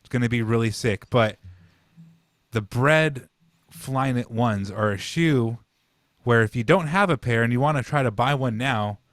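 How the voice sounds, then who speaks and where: A man's voice: medium pitch, measured pace, fairly bright tone, dry recording. Laid-back man on a dry podcast mic. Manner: laid-back, chatty storytelling with swearing. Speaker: podcast co-host. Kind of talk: casual chat.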